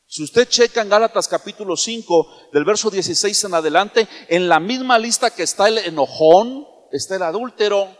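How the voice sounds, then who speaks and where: A man's voice: high voice, normal speed, few pauses, long reverb tail. A man preaching a sermon in a church, emphatic and firing questions at the congregation.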